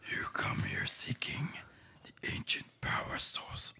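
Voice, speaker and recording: A man voicing an ancient male dark power in whispered role-play, quiet and gravelly, slow and ominous. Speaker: game master.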